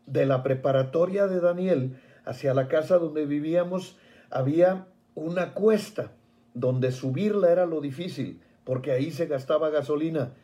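Fervent high-voiced man preaching. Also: mellow. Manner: fervent, emotional, repeating phrases in prayer. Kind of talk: sermon with personal testimony.

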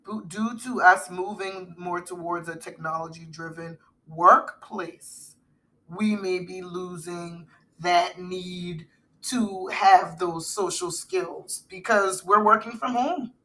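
A woman's voice: fairly low pitch, takes it slowly, pushed and bright. A middle-aged woman co-hosting a podcast in casual chat, rambling with fillers and restarts. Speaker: podcast co-host.

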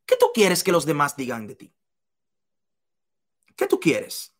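A woman's voice: low-pitched, huge pitch swings, slow pace. A woman giving a motivational seminar talk to business leaders, emphatic and repeating key phrases to the listener.

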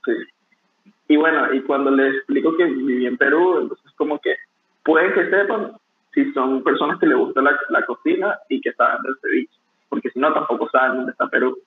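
A young man, a barista, talking casually in an interview, relaxed and rambling with many restarts. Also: medium pitch, normal speed. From Venezuela. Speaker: barista guest. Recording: tinny phone-like call audio.

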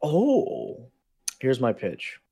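A man's voice: medium pitch, very slow, creaky, slightly rough, no echo, clean studio sound. A man co-hosting a casual comedic chat, rambling with restarts and joking around. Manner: rambling, restarts mid-sentence, jokey and animated. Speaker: podcast co-host.

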